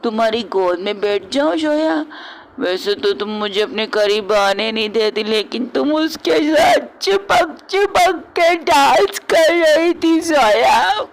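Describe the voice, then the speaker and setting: Drunk, whiny lovesick lover, voiced by a woman: high, dragged-out wailing, keeps repeating itself. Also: lively intonation, slow, heavily acted.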